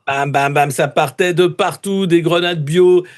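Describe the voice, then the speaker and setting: A man's voice: a little high, fairly even intonation, a little slow, close to an everyday voice. A man doing a pompous eco-militant spokesman. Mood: self-serious. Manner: earnest, pompous slogans with hesitant fillers. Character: solemn male eco-militant spokesman, self-serious.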